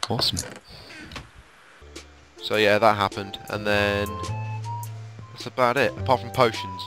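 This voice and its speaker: A man co-hosting a casual game commentary, chatty and rundown-style, with a sleepy, croaky late-night voice. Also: fairly low pitch, fairly even intonation, unhurried, bright, forceful tone, faint music behind. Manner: chatty, tour-guide rundown with fillers. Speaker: let's play co-host.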